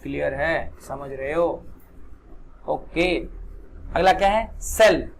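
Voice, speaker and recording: A man's voice: a little high, slow, gravelly. A man runs a spoken English lesson. He asks questions over and over and repeats each answer back to his students. A faint hiss sits under the recording. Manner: repetitive call-and-response questioning. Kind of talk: classroom lesson.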